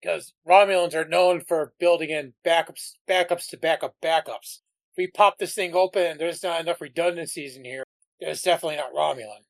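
A man's voice: on the high side, steady tone, brisk, creaky. A man playing a tabletop game, speaking with a confident, knowing manner. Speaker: player. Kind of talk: casual tabletop game chat.

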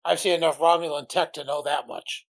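Male tabletop player, gravelly voice, slightly high; assured and knowing. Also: fairly even intonation, fairly quick. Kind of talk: casual tabletop game chat.

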